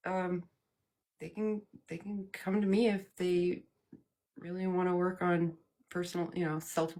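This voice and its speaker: A woman's voice: on the low side, little pitch movement, measured pace, a little mellow. A woman channeling the male god Apollo in a live interview, talking in a loose, jokey way with laughs between phrases. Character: playful trickster sun god Apollo, male, cheerful and upbeat.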